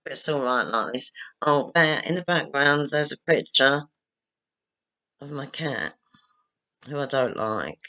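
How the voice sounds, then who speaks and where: This vlogger has a rumbling low voice that sounds pushed and bright, animated yet slow, with many pauses. Chatting to camera at home, she rambles and runs herself down as she walks around with her phone, whose camera, not a proper webcam, records the sound.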